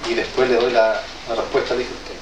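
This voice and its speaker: Heard from a distance in an echoing hall, this halting speaker is a traditional healer from southern Chile, a native Mapudungun speaker, talking informally to an audience indoors. His pitch is medium and his tone level. He is plain-spoken and hesitant, restarting often, and the audio is roomy and noisy.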